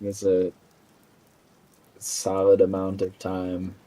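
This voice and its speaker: Young guy streaming, rambly and hyped, kinda low voice, swears a lot. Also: completely flat delivery, slow pace, dark tone. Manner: rambling, enthusiastic, swears casually. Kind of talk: casual live-stream chat while gaming.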